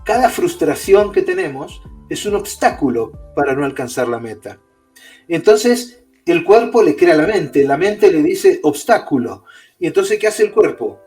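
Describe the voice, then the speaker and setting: A man's voice: a little high, a little mellow. A man, a guest author in an interview, explaining ideas by asking and answering his own questions.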